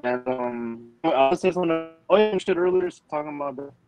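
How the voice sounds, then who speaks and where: Brief: male co-host, slightly high voice, breaking up robotic and choppy over an online call, emphatic and rambling. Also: brisk, over music. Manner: emphatic, rambling, swears freely. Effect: choppy, robotic glitching online call audio. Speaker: co-host of a fan discussion stream. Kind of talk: casual chat. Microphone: remote call mic.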